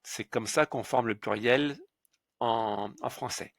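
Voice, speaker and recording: A man teaching French pronunciation in a slow instructional lesson, patiently spelling out sounds letter by letter. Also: medium pitch, vocal fry, no room sound, clean studio sound.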